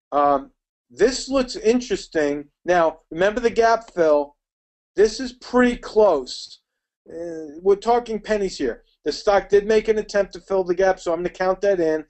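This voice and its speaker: Middle-aged male webinar instructor, slightly high voice, rapid and chatty. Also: darkish tone. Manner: quick, chatty, addresses attendees by name. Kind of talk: live webinar teaching.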